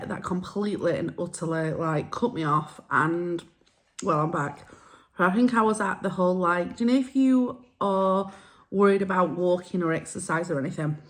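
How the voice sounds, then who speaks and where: A woman's voice: on the low side, moderate pace. A woman, chatting frankly and self-deprecatingly in a casual vlog recorded on a phone held at arm's length. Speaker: vlogger.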